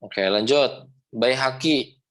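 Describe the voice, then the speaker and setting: A man teaching pronunciation in an online class over a video call, patient and repetitive, modeling sounds slowly. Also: mid-range voice, fairly bright tone. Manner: patient, repeats "seperti itu, ya" often, demonstrates sounds. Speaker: Quran recitation teacher.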